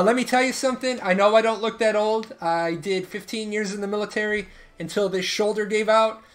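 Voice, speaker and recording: Man, thirties, high voice, joking streamer, casual chat with viewers. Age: 30s. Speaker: streamer running giveaways.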